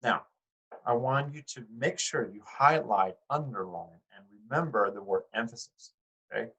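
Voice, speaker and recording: A man's voice: medium pitch, lively intonation, moderate pace, pushed and bright, slightly rough, dull audio. A man teaching an art class, speaking conversationally to his students with fillers and restarts, often putting questions to them. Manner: addresses students directly with questions. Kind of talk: recorded class lecture.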